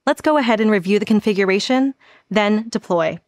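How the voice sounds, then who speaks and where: A woman in her thirties presenting a scripted software tutorial with a polished, even delivery, standing on an indoor studio set. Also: mid-range voice, brisk, no room sound. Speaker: product presenter.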